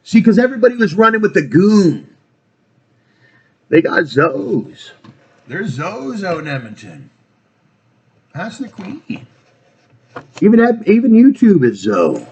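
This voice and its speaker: A man's voice: high-pitched, huge pitch swings, unhurried, long pauses, a little mellow, husky, muffled recording. A man talking in a rambling casual monologue, trailing off and restarting, swearing casually. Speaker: vlogger.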